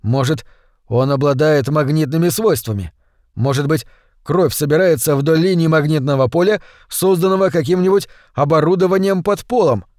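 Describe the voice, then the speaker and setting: A man reading the lines of a thoughtful male scientist who explains things calmly in an audiobook. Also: a little high, no room sound, studio quality, natural voice. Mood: explaining. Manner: measured explaining.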